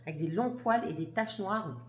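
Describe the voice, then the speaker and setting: A woman's voice: medium pitch, normal speed. A mother vlogging to camera, telling a story emphatically and indignantly, with restarts and blunt words. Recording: roomy echo.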